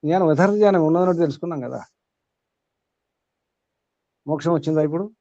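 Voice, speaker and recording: A man's voice: a little high, fast talker, mellow, dry recording, lo-fi sound. A man teaching a small group as their spiritual guide, asking rhetorical questions and repeating his points.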